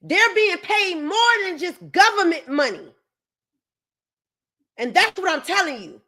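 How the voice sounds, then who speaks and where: A woman's voice: very high voice, sing-song, measured pace, pushed and bright. A woman hosting a commentary video, talking straight to her viewers and driving her points home with repetition. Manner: emphatic, keeps repeating herself for stress. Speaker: commentary host.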